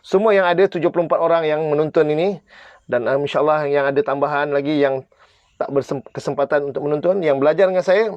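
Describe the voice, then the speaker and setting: A man's voice: a little high, fast, dry recording, muffled recording. A man with a Malaysian Malay accent teaching Arabic grammar in a live online class, quizzing viewers and pressing them to comment and answer.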